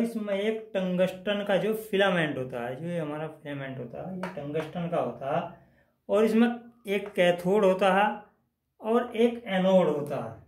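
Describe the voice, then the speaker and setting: A man with a high voice gives a whiteboard lesson. He talks through each step slowly and repeats key phrases. His voice rings in an echoey room. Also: a little mellow. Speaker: teacher. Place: indoors at a whiteboard.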